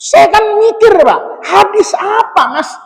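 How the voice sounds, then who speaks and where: A man preaches to a dawn congregation, his pitch swinging widely as he tells the story. His voice carries a long reverb from a large mosque hall. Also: slow, vocal fry. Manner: storytelling, animated, acts out dialogue in his telling.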